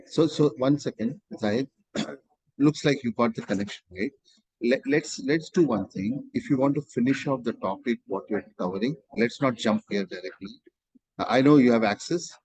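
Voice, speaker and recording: A man talks casually through a work matter, restarting and rephrasing his points. His voice is husky and of middling pitch. The sound is dry, with no room echo. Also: moderate pace, darkish tone. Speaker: trainee in a one-to-one session.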